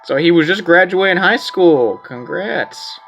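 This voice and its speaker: A man's voice: sits high, animated, unhurried, fairly bright tone, faint music behind. A man playing a story game, reading its text aloud in a casual way, often repeating words, and chatting between the lines. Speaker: gameplay streamer.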